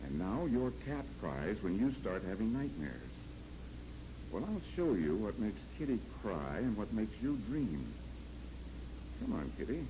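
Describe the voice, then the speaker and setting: On a dull, noisy old radio recording, a confident American detective. His low voice moves expressively, commanding and protective in 1940s drama style. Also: sing-song, unhurried. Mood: knowing.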